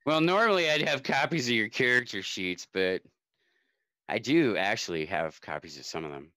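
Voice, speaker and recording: A man acting as game master, narrating a tabletop game with a joking manner. His voice sits a little low. It sounds dry and close, with no room around it. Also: animated, normal speed, sharp tone, dry recording. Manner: joking, laughs easily.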